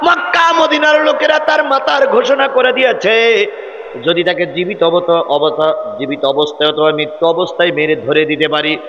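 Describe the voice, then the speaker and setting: A man preaching a sermon, voicing a proud, bold young male tough who declaims loudly with swagger. The sound is dull and echoey, as from a loudspeaker at a gathering. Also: high voice, normal speed. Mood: boastful.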